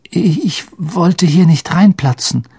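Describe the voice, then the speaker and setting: A man's voice: on the high side, slow, gravelly, darkish tone, breathy edge, pitched above the performer's own voice, heavily acted. A man voicing a nervous, apologetic young boy who stammers, in an audiobook reading. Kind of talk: audiobook character voice.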